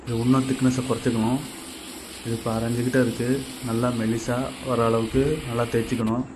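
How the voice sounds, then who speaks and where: This Tamil Nadu man, a carpenter teaching on his own channel, walks through making a tool in a brisk, monotone, medium-pitched voice. He keeps it casual and plain and repeats himself, with a noisy background behind him.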